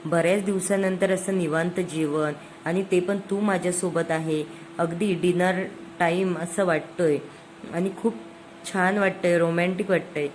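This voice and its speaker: A woman's voice: fairly low pitch, fairly even intonation, measured pace, a little mellow, slight background noise, natural voice. A woman voicing a doting, affectionate young husband in a serial recap, in a plain retelling voice. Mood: fond.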